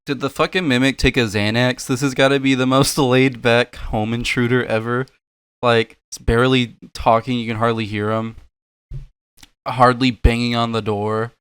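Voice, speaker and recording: A man's voice: medium pitch, level tone, normal speed, fairly bright tone, clean tone, no room sound. A young man giving sarcastic, profane reaction commentary on paranormal videos, laughing and mocking as he goes. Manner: mocking, swears a lot, laughs at clips.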